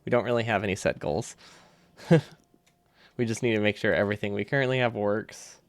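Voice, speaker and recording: Low-voiced man with retainer-impeded speech. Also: fairly quick, dry recording. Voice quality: slightly impeded speech from a loose dental retainer. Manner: easygoing, rambling, thinking aloud. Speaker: game livestreamer. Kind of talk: casual livestream chat while gaming.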